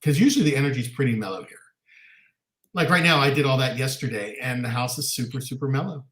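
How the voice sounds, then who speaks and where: Man, co-host, casual earnest rambler, mid pitch, roomy echoey sound. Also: quick pace, fairly bright tone. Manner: rambling, earnest, many restarts and ums. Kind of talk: casual chat. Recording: roomy echo.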